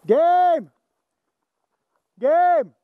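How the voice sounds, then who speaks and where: A man playing airsoft outdoors, calling out tactical orders to teammates in a loud, urgent, excitable way. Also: very high-pitched, very slow, narrow, tinny audio. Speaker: airsoft player filming for his channel. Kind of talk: tactical callouts during an airsoft game. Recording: noisy outdoor action recording with clicking.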